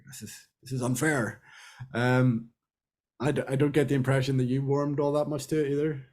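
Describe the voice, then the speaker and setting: A man's voice: medium pitch, level tone, normal speed, a little mellow. A young man from Britain, a podcast co-host talking casually and rambling with many fillers. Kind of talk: casual chat.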